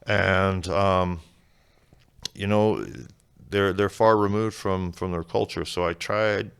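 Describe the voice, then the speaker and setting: Deep gravelly-voiced man, relaxed. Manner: relaxed, plain-spoken, unhurried explaining. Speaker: museum executive director and Native dancer. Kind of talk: casual interview talk.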